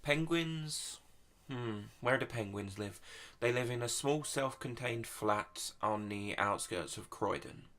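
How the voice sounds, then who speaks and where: A man's voice: fairly low pitch, a bit bright, a little hiss or hum. A man from England, delivering a crude, swearing comedy rant in a mock-serious tone. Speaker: YouTube comedian answering online questions.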